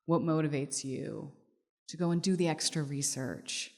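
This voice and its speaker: A woman's voice: sits low, steady tone, normal speed, gravelly, a little mellow. A woman facilitating a live group discussion at a conference, upbeat and encouraging. Her voice carries the long reverb of a conference hall. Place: conference room at a live event.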